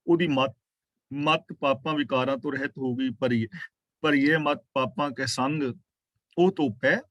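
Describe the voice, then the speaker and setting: A man teaching a scripture class, chanting verses slowly and then explaining them in plain talk. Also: fairly high pitch, fairly bright tone, no room sound.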